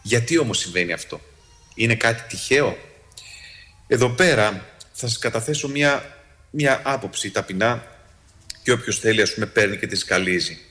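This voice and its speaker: A man, a psychologist, telling a story to an audience in a lively way, with many restarts and sudden jumps in pitch for quoted speech. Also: long pauses.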